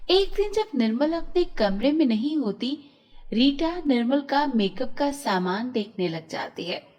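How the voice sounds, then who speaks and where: A woman narrating a children's cartoon story in a slow, expressive storytelling manner. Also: high-pitched.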